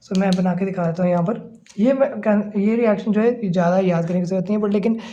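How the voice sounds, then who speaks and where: A man's voice: high voice, quick pace, dark tone. A male chemistry teacher giving a classroom lecture, explaining step by step and often checking that listeners are following. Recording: slightly muffled lo-fi recording.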